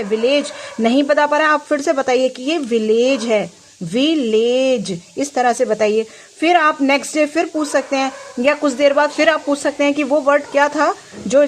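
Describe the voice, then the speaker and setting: Patient woman spelling words slowly. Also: high-pitched, slight background noise. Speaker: teacher. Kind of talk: home tutoring lesson.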